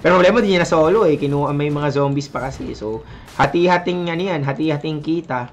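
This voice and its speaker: A young man with a Filipino accent commentating a live esports match, chatty and mixing English with Tagalog, getting excitable on big plays. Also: on the high side, fast talker, slight background noise. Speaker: esports caster. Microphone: headset mic, stepping back from it.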